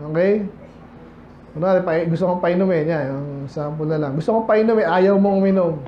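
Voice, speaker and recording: High-voiced preacher in an echoey church. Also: male voice, slight background noise. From Philippines. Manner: asks the congregation rhetorical questions and checks in often. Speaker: pastor. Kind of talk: conversational sermon. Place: church sanctuary. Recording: echoey church hall, slightly dull sound.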